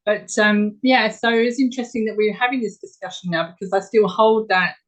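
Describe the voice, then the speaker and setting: A woman's voice: mid-range voice, steady tone, fairly quick, low-quality recording. A woman interviewer who asks searching questions hesitantly, often repeating words as she finds them. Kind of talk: conversational interview.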